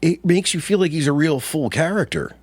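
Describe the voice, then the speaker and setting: A man's voice: on the high side, brisk, a little mellow, husky, no room sound. A man in his forties co-hosting a casual movie discussion, blunt and opinionated, swearing freely. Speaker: podcast co-host.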